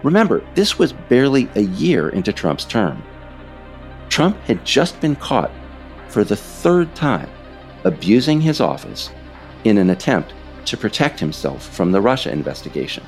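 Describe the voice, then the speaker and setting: An author and podcast narrator delivers a scripted political account in a very low, creaky voice. He speaks deliberately with lively intonation, pausing for emphasis, while faint music plays beneath.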